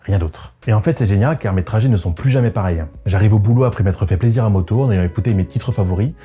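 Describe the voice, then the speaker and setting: A man's lowish, mellow voice narrates at a quick pace, reading a first-person script for his motorcycle vlog. The tone is conversational and reflective, set against background music.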